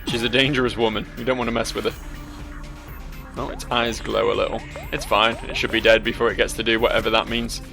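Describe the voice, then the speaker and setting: A man's voice: lowish voice, flat delivery, a little fast, vocal fry, music in the background. A man giving casual let's play commentary with dry, musing asides. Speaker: gaming video host.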